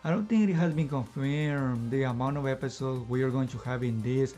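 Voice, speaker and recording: Soft background music plays under a man's dark, medium-pitched voice as he casually reviews an anime episode in one unscripted take. He's slightly out of breath and rambling, leaning on "you know" and "I guess you can say" to fill pauses.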